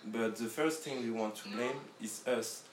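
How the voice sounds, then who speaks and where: A man who grew up in France, a guest in a casual interview, talking haltingly and searching for his words. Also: mid-range voice, background noise. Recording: roomy echo.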